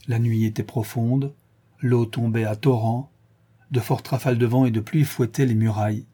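A man narrating a classic novel in a measured, dramatic reading. His voice is dark-toned and mellow, with a faint husky grain. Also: mid-range voice. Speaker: audiobook narrator. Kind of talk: scripted narration.

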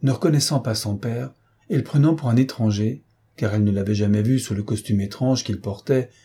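A man narrating a novel aloud, voicing both husband and wife in a steady dramatic reading. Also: medium pitch, a little fast, slightly rough.

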